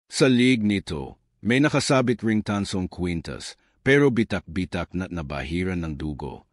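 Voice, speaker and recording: A man's voice: low voice, expressive, unhurried, no echo, clean studio sound. A man narrating a scripted horror story in a dramatic, suspenseful manner.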